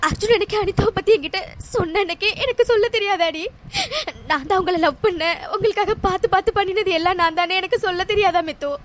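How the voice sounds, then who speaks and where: A woman plays a grief-stricken young woman in a cartoon love story, weeping through every line. Her voice sits very high and keeps breaking as she repeats the same words. A faint background hiss runs under the recording. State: crying. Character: young woman, heartbroken and sobbing. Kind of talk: cartoon drama voice acting.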